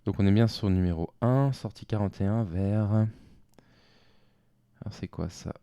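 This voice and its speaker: A deep-voiced man talks his way through a geography game, thinking aloud and coaching himself. His tone is dark and mellow, recorded close and dry with no room sound. Now and then he mutters and lets his sentences trail off. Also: moderate pace, smooth, no echo, dull audio. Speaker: game commentator. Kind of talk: live game commentary.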